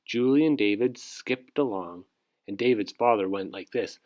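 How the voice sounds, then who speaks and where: Reading a children's storybook aloud, a man narrates in an expressive style. His voice is lowish and his speed normal.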